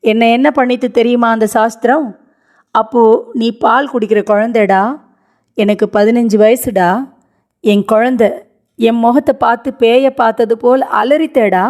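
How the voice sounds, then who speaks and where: A grieving old grandmother, widowed as a girl and stubborn, pleads and laments through tears in a pitch lifted above a reader's normal voice, as a woman storyteller puts her on. The tone stays mellow and soft even at its rawest. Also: measured pace, long pauses, natural voice. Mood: bitter, tearful.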